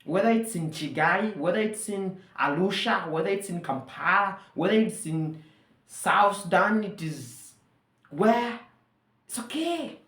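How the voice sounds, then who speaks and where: This Ugandan woman, a first-language Luganda speaker, has a medium pitch, lively intonation, and a fairly bright tone, taking her time in a persuasive monologue to camera. Earnest and rallying, she repeats phrases for emphasis against reverberant acoustics.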